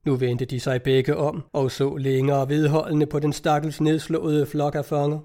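A man narrates a novel in a measured, even way. His voice sits a little high for a man, yet it has a warm, mellow tone. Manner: measured, even storytelling delivery. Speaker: audiobook reader.

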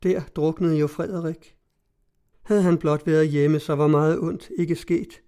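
A man's voice: a little high, steady tone, clean tone, lightly acted. A tender, frightened young woman, as a male reader puts her on. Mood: anxious pleading. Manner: soft, pleading, anxious. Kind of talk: audiobook reading.

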